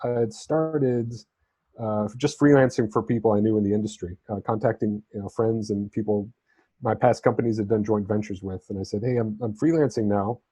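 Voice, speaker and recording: Raised in southern Spain, a freelance writer and travel correspondent appears as an interview guest, telling his own story in an easygoing, explanatory, conversational way. His fairly low voice is steady, brisk, mellow and husky, with no room sound.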